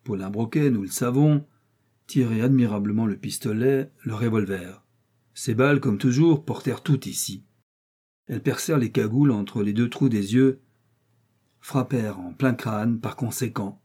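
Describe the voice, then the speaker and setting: A man narrating a classic adventure novel as an audiobook, in dramatic, measured storytelling. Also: mid-range voice, warm tone, husky. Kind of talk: scripted narration.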